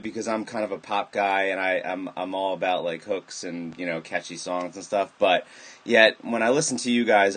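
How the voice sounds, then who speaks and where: A man's voice: lowish voice, fairly bright tone. A man interviewing a guest, asking long, winding questions with many fillers.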